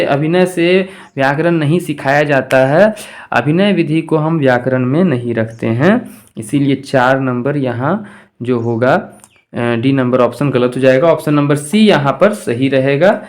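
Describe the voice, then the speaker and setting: A man teaching an exam-prep lesson. He reads each Sanskrit question aloud and explains it in Hindi, asking the class questions as he goes, sometimes drawing words out slowly and sometimes speeding up. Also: a little high, a little mellow. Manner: pace swings between slow, drawn-out words and quick runs. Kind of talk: exam-prep lesson going through multiple-choice questions.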